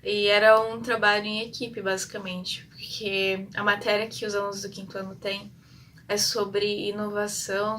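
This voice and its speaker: A young Brazilian woman tells a casual vlog story in a flat, even tone, full of fillers and stray English words. She sounds a bit distant from the mic, with a faint hum of ambient noise behind her. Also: medium pitch. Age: young adult. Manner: chatty, rambling with many fillers and English terms; shy by her own account. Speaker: exchange student vlogger.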